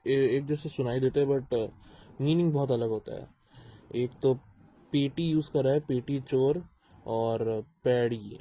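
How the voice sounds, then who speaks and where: A man's voice: mid-range voice, mellow. A man hosting a reaction video who breaks down rap lyrics in a casual, teacherly way. He thinks aloud with frequent fillers and restarts, drops English terms into his talk, and often checks that listeners follow. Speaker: music reaction video host.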